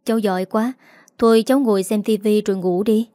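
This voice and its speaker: A woman's voice: medium pitch, fairly even intonation, brisk, warm tone, no room sound, clean studio sound, close to an everyday voice. Woman reading as a concerned middle-aged husband. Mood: gentle. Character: gruff older husband, worried and demanding. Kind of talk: scripted audiobook reading.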